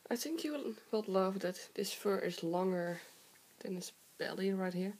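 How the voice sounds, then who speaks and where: A young woman with a hoarse, sore-throat voice from a cold, chatting casually in a halting, giggly way as she hosts a show-and-tell vlog. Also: mid-range voice, a little mellow. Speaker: video host. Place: indoor room with wooden floor. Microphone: handheld camera close by.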